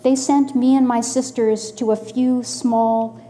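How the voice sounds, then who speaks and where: A woman in her sixties from the Los Angeles area, telling a personal story in a measured, dryly humorous way. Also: fairly high pitch, little pitch movement, noisy background. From Los Angeles area, USA.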